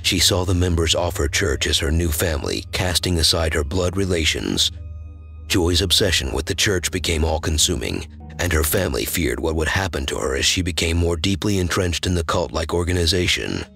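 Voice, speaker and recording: A man narrating a true-crime documentary from a script in an even, solemn way. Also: low-pitched, normal speed, vocal fry, soft background music.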